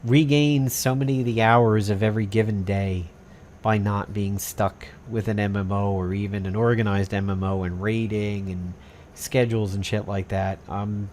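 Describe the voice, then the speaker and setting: A man's voice: lowish voice, steady tone, moderate pace, a little mellow, slight background noise. A man talking to camera as a gaming video host and guild master, in a candid, rambling, reflective way with casual swearing.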